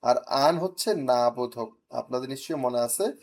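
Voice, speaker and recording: Correcting how his student reads Korean, this man speaks at medium pitch with a darkish tone. He teases now and then while drilling vocabulary slowly, syllable by syllable.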